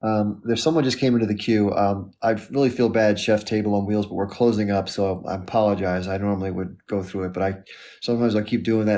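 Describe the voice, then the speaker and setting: A man hosting a live stream, talking casually in a relaxed, rambling way as he closes the show. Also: deep voice. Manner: relaxed, rambling, friendly sign-off talk.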